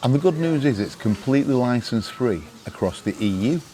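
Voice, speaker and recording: With lively intonation and a brisk pace, a British vlogger jokes his way through travel gadget advice in a casual chat to camera, sounding wry and mock-exasperated. His mid-range voice is warm, and there's slight background noise.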